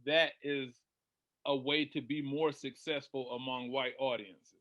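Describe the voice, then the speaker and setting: A man speaking as a panel guest in casual discussion, measured and opinionated. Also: medium pitch, little pitch movement, a bit bright, dry recording.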